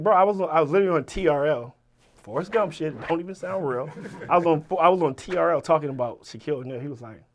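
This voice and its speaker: Male guest in his 40s, slightly high voice, animated profane storyteller, loud-to-quiet swings. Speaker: rapper guest.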